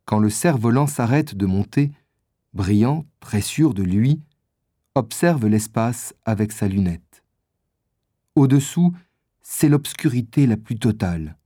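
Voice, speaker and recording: A man narrating a children's adventure story in a measured storytelling manner. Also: fairly low pitch, expressive, dark tone, no room sound, clean studio sound.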